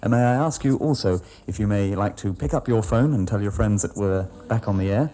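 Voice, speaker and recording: A man's voice: fairly low pitch, brisk, mellow. A man presenting on radio, addressing listeners in a polite, formal way. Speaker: radio announcer. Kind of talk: presenting a radio test transmission.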